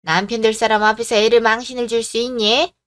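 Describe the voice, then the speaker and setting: A nagging middle-aged mother-in-law voiced by a woman accuses in a raised, sharp-edged voice. She scolds relentlessly in a radio drama. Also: on the high side, level tone, brisk, natural voice. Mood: reproachful. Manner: accusing, reproachful.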